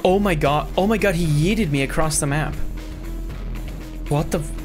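A man's voice: fairly high pitch, normal speed. A young man giving casual, exclamatory let's-play commentary as a gaming host. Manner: excitable, exclamatory. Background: game music.

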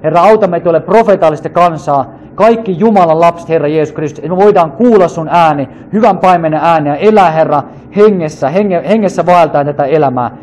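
A man's voice: fairly high pitch, darkish tone. A man leading a fervent free prayer, calling out repeated invocations and sometimes speaking in tongues. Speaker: prayer leader.

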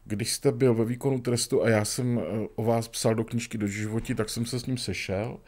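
A man from the Czech Republic hosting a live talk-show interview, gently interrupting to steer his guest. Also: medium pitch, steady tone.

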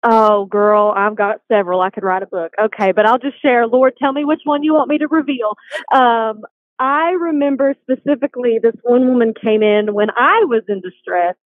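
A woman's voice: fairly high pitch, moderate pace, no echo. A woman telling her faith story in a casual, chatty way, full of "like", as a guest on a call. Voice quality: chatty, heavy use of "like". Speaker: guest, boutique shop worker. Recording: tinny phone line, dry.

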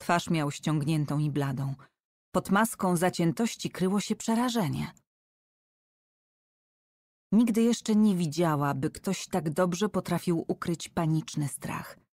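A woman reads a novel aloud in a calm, measured way, her voice sitting a little low. She takes her time over every sentence, and the recording is dry and close with no room echo. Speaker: audiobook narrator. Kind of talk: scripted narration.

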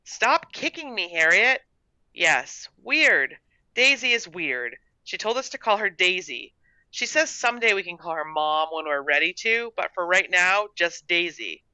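A woman reading a short story and voicing a timid, earnest little girl in a high, pleading voice, on a dull, dry recording. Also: animated, unhurried, bright, forceful tone, no room sound, full character voice. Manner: high, pleading and wide-eyed.

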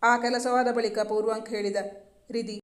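Flat, measured story narrator. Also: mid-range voice, echoey room. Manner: even, measured reading.

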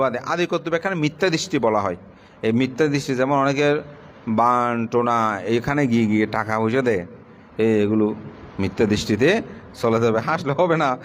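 Man preaching, voice dropping low on each point. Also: fairly bright tone. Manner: plain conversational preaching, pitch drops at the end of points. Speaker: Buddhist monk. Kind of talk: sermon to lay followers.

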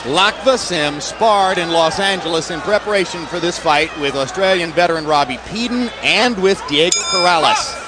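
A man's voice: sits high, moderate pace, hardly any pauses, a crowd in the background, background noise. A man calling a boxing broadcast in a polished, projected commentator's delivery.

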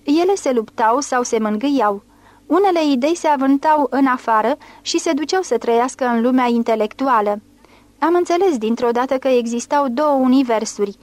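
A woman's voice: high voice, a little mellow, dry recording, natural voice. A woman reading as a pompous male surgeon. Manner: grandiose orating. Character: pompous male surgeon recounting a fantastic dream.

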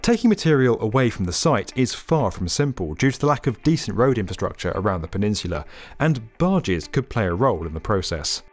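A man narrating a scripted documentary in a lively, upbeat explainer manner. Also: lowish voice, brisk. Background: faint background music.

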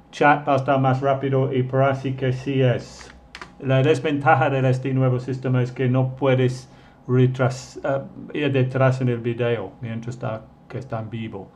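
A man's voice: mid-range voice, a little mellow, dull audio, a little hiss or hum. A man teaching an English lesson live online, reading chat questions and stretching out number words to show their pronunciation.

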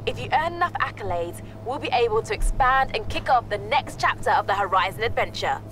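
A woman's voice: a little high, expressive, moderate pace, fairly bright tone, slight background noise, low-quality recording. A woman voicing an upbeat, encouraging event organizer in a racing video game.

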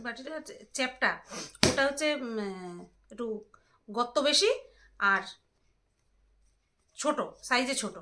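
A woman's voice: a little high, expressive, a little slow, pauses often, sharp tone, slight background noise. A woman, chatting casually as she unboxes items and teases her husband. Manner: teasing, bickering with her husband. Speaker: vlogger. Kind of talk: casual home vlog, unboxing.

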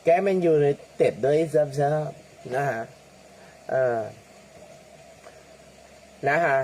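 A man hosting a lottery livestream, chatting casually, reading out viewer comments and using soft feminine polite particles. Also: a little high, very slow, a little hiss or hum. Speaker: lottery-number livestream host.

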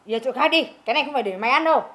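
An actress playing a harsh older grandmother, bossy and sharp-tongued. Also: high-pitched, very fast. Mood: scolding. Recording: roomy, distant mic, music behind.

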